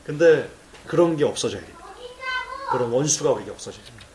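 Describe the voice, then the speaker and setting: A male pastor preaching a sermon in church, emphatic and animated, telling stories and acting out cries. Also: medium pitch, quick pace, echoey room, far from the mic, background noise.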